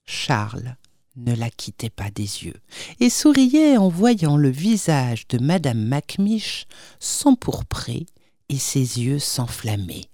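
Brief: a woman reading a children's story aloud, slow, very lively pitch, dry sound. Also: dry recording. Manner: measured, expressive reading. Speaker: audiobook reader. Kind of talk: storybook narration.

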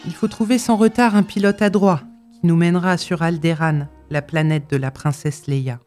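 A man voicing a calm, wise old warrior mentor in a storybook reading, speaking low and gravely. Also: normal speed, music in the background, close to an everyday voice.

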